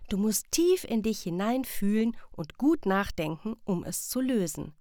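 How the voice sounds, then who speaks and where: Woman reading a gentle, comforting storybook mother. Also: mid-range voice, big pitch swings, unhurried, dry recording, studio quality. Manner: soft, comforting, explaining. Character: warm gentle mother of a child.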